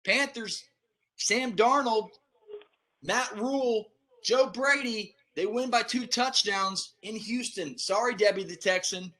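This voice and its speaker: A man's voice: high-pitched, slow, bright, forceful tone, a little hiss or hum. A man co-hosting a sports talk show, making picks with a confident, teasing manner. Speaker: sports radio co-host.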